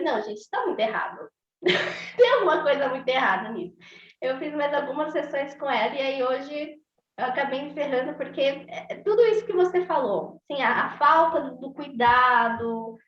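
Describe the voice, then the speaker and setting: A woman, a young psychologist, casually telling a story with animated laughter. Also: high voice. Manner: animated, laughs often, acts out quoted dialogue. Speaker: psychologist attending a training session. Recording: dull, roomy, far from mic.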